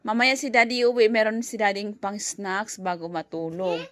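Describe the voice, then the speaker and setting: A woman's voice: mid-range voice, level tone, moderate pace, a bit bright, no echo, studio quality. A woman vlogging as a mom cooking at home, chatting and mixing Tagalog with English while recording on her phone. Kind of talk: casual home cooking vlog. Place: home kitchen. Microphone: phone camera.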